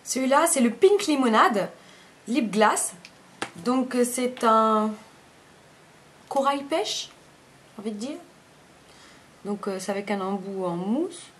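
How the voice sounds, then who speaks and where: A woman's voice: a little high, lively intonation, takes it slowly, pauses often, a bit bright, a little hiss or hum. A woman, chatting casually through a makeup review, rambling and often correcting herself mid-sentence. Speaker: beauty vlogger.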